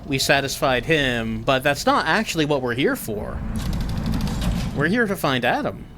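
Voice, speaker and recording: A man's voice: medium pitch, very animated, measured pace, background noise. A man giving casual, wry commentary as the host of a game playthrough. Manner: dry, wry joking. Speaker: gaming host.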